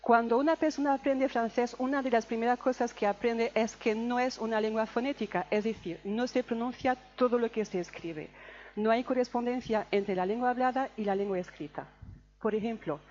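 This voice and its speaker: A woman teaches a live audience, walking them through each point and pausing to check they follow. Her voice sits a little high. The recording is dull and lo-fi. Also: darkish tone. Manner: explains step by step, checking with the room. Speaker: French teacher. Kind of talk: lively classroom talk to an audience. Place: lecture room with audience.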